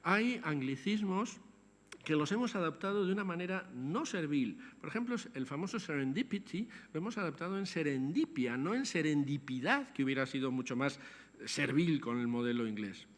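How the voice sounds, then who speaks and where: An older man gives a measured, scholarly lecture, turning to the audience with asides. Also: a little high, animated. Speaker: lecturer on language. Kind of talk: academic lecture. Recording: long hall reverb.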